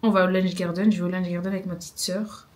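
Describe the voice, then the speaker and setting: A woman's voice: on the low side, flat delivery, fast talker, a little mellow. A young woman, chatting to a small camera in a rambling, self-mocking vlog. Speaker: vlogger. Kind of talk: casual vlog chat to camera. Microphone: small handheld camera.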